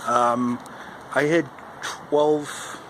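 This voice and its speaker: A man chatting casually and haltingly to a handheld camera as a vlogger, rambling along outdoors. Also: medium pitch, fairly even intonation, rough recording. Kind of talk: casual vlog chat to camera. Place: outdoors in the cold wind. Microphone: handheld camera at arm's length. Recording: windy outdoor recording, loud wind noise. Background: howling wind noise.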